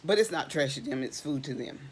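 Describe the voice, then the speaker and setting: Her voice is extremely low and husky, expressive and fairly quick, as this middle-aged teacher reads a story aloud to young children. She asks questions and answers them with feeling, elongating and repeating words for emphasis.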